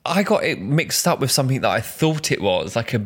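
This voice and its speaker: Male podcast guest, lively swooping pitch, candid and giggly. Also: fairly quick. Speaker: guest, YouTuber. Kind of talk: casual chat.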